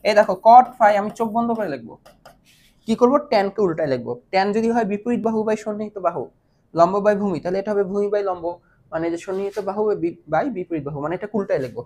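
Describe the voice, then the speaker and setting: A woman's voice: medium pitch, animated, quick pace, dark tone. A woman teaching an online math lesson, patiently asking her students whether they follow and mixing English math terms into her speech. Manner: patient, keeps checking understanding with questions.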